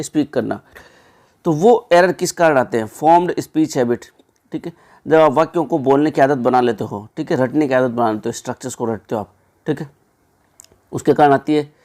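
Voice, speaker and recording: A young man working through exam questions as a teacher, chatty, often checking in with listeners, reading options slowly before explaining them. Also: on the high side, darkish tone. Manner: conversational, repeats "ठीक है" and "दोस्तों"; reads English options slowly, then explains.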